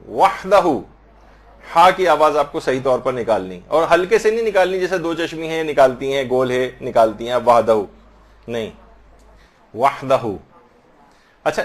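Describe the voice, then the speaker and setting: A man giving a religious lesson, slowly demonstrating and repeating words of prayer to correct pronunciation. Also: a little high. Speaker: religious teacher.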